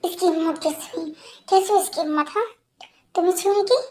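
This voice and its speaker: A woman voicing a hot-tempered, possessive young man in an amateur fan dub, speaking angrily and forcefully. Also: very high-pitched, takes it slowly, pitched below the performer's own voice, heavily acted. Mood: angry. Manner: angry, forceful, then pleading.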